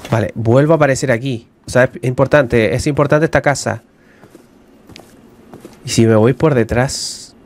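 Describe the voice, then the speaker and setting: A man giving casual let's-play commentary on a horror game, jumpy and talking to his viewers, yelling when he is attacked. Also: mid-range voice, moderate pace, long pauses, a little hiss or hum. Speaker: gaming YouTuber.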